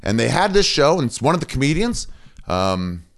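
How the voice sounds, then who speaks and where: A man's voice: mid-range voice, very animated, moderate pace, creaky. A man hosting a podcast in a casual, profane comedy rant, fired up and swearing. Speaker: podcast host. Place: standing in front of a mirror.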